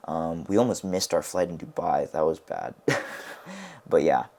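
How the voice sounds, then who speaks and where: A young American man co-hosts a casual podcast and is also a wrestler. His pitch is extremely low and his tone warm, and he keeps a measured pace. He tells rambling stories packed with "like" and restarts.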